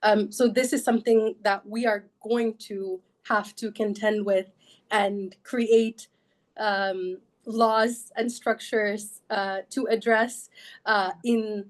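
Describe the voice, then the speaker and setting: A woman lawyer answering interview questions in measured sentences, pausing often on fillers and restarting. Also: mid-range voice, steady tone. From Sudan.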